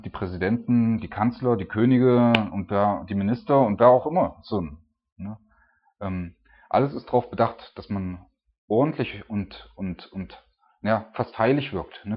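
A man retelling a Bible story in a casual, conversational way. He often ends his points with a questioning "ne?" and often lets his voice drop quiet. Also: on the low side, lo-fi sound.

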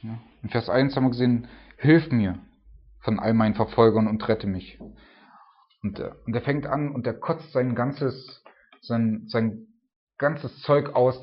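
A man of middle pitch preaches casually, as if talking with friends. He keeps dropping little fillers and questions into his sentences. The recording sounds somewhat dull and lo-fi. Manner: conversational preaching, peppered with "so" and "ne?". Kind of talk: sermon on a psalm.

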